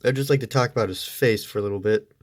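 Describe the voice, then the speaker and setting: Man, lowish voice, stuffy nose, casual toy review, easygoing, meandering. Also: fast. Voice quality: stuffy, congested.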